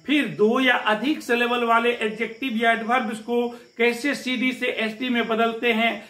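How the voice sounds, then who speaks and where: A man teaching English grammar, going slowly through examples and often checking in with the class. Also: extremely high pitch, sharp tone, reverberant, low-quality recording. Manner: slow, repetitive, keeps checking with "है ना".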